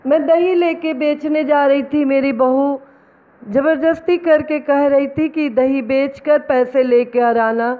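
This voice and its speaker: Brief: a woman doing a timid old mother-in-law, plaintive and slow, storybook telling, tinny phone sound. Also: high-pitched, steady tone. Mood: distressed.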